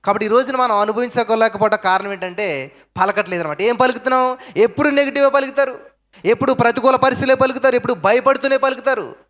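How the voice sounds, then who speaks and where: A fast-talking man preaches a sermon, firing off rhetorical questions and answering them himself. His delivery swings emphatically between loud stresses and low asides.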